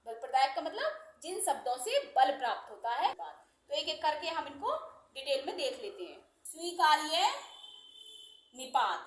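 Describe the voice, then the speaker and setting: A woman teaching Hindi grammar, explaining slowly and repeating each term with examples. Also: sits high, fairly bright tone, reverberant. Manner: slow, repeating terms and examples. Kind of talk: explanatory lesson.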